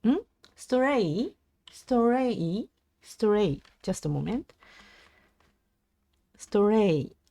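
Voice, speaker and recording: A Japanese woman learning English practises aloud on a casual livestream, speaking haltingly and hesitantly with a Japanese accent and correcting herself as she goes. Her medium-pitched voice is warm, sing-song and creaky, recorded dry, with keyboard typing and clicking in the background.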